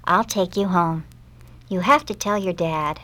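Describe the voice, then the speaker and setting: A kind, orderly schoolteacher from a storybook, as a woman reader plays her. She speaks in a clear, teacherly way. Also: lowish voice, unhurried, bright, forceful tone.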